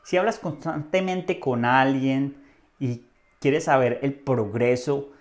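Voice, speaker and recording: A Colombian man leads a Spanish lesson at an unhurried pace, with a voice of middling pitch. He drills everyday greetings, spelling out each phrase slowly and raising his voice when he models it for the listener to repeat. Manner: slow, over-articulated model phrases, lifting pitch and volume on example greetings. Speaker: Spanish teacher.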